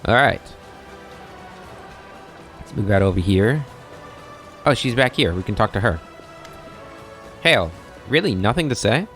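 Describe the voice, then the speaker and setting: A man hosting a let's play, giving relaxed commentary and muttering asides to himself. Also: lowish voice, unhurried, long pauses, faint music behind. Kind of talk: casual gameplay commentary.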